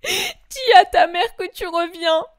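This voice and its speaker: A woman's voice: extremely high pitch, sing-song, takes it slowly, dry recording, studio quality, voice pushed up, heavily acted. A woman voicing the grieving mother of Jesus, imploring and sobbing in a breaking voice, in a dramatic religious reading. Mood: anguished.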